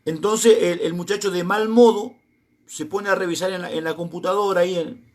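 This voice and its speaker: A man's voice: high voice, steady tone, moderate pace. A middle-aged man with an Argentine accent preaching a sermon, telling a personal testimony and acting out both sides of the conversations in it. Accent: Argentine Spanish.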